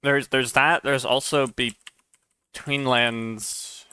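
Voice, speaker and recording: A man's voice: mid-range voice, fairly even intonation, very slow, pushed and bright, clear, resonant tone. A man streaming live while he codes, rambling and stammering through casual chat and often saying "dude". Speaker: streamer and mod developer.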